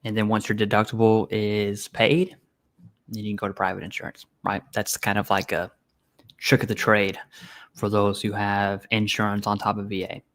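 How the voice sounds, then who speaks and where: A man's voice: fairly low pitch, flat delivery, moderate pace, a bit bright. A man hosting a casual live Q&A stream, reading viewer questions aloud and answering bluntly and informally. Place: home setup, eating while streaming.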